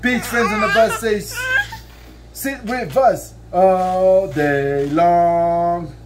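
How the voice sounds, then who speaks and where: Man slowly singing a kids' song. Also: sits high. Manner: playful, slow sing-song with drawn-out line endings. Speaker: father reading a song book to his child. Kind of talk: sung read-aloud of a children's song. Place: bedroom, lying on a bed. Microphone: camera a few feet away.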